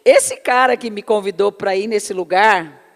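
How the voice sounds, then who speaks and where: A woman's voice: medium pitch, measured pace, in a large hall. A woman preaching a sermon with personal testimony, fervent and calling her listeners brothers and beloved.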